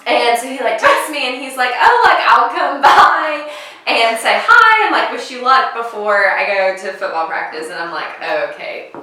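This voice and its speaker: A woman's voice: a little high, big pitch swings, moderate pace, pushed and bright, slight background noise. Giggly young woman telling a story. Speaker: co-host. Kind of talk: casual chat. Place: bright indoor dining room. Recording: echoey room, far from the mic.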